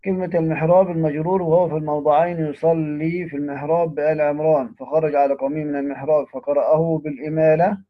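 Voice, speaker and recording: Fast-reading man, dull lo-fi sound. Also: fairly high pitch, level tone, no room sound. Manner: reads quoted text, then adds brief plain comments. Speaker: teacher of Quran readings. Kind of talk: reading and explaining a classical text. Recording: dull lo-fi recording.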